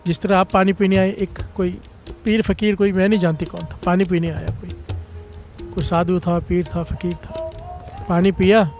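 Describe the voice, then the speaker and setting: A man's voice: little pitch movement, moderate pace, a little mellow, soft background music. A man giving a devotional sermon, telling a story and often calling the congregation to respond. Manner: rises in pitch and volume at emphatic points. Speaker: preacher. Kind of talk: Sikh katha sermon.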